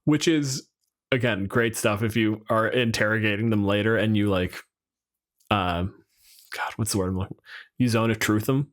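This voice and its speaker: This podcast co-host has a fairly low-pitched voice and speaks at a moderate pace. His unscripted, casual talk about tabletop games is peppered with wry remarks and loose swearing.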